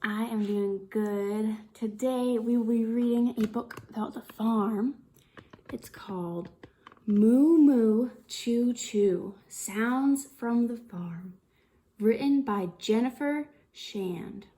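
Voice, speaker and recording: In a rough recording, a high-pitched, mellow-voiced woman leads an interactive picture-book reading for small children as a storytime reader and teacher. Her delivery is slow, deliberate and sing-song, full of exaggerated expression and frequent questions.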